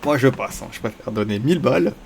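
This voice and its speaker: A man giving live commentary on his own online poker game, talking to himself and the other players in crude casual slang and often breaking into high-pitched squeals. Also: expressive, fast talker, gravelly, a little hiss or hum.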